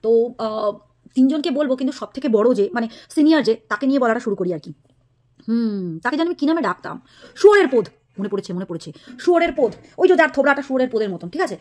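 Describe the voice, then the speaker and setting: Woman vlogger with a high voice, scolding and mocking a rival straight to camera. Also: animated, very fast, darkish tone. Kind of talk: angry direct-to-camera rant.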